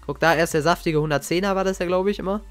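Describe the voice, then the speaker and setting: A young man talks over old gaming clips in an excitable, slang-heavy way, looking back fondly. His voice sits a little higher than most men's. Faint game music plays quietly behind him. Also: quick pace. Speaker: gaming YouTuber. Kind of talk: casual reaction commentary.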